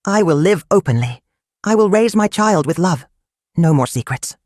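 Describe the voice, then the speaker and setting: A storyteller voicing a frightened young bride in a folktale who speaks in short, soft phrases. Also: mid-range voice, animated, moderate pace, no echo, studio quality, lightly acted. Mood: earnest.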